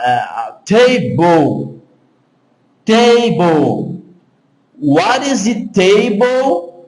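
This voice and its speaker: A man with a fairly high voice gives an English lesson, speaking slowly and patiently. He repeats each phrase several times, drawing out the words for the learners. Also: darkish tone, low-quality recording. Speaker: English teacher. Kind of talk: spoken lesson.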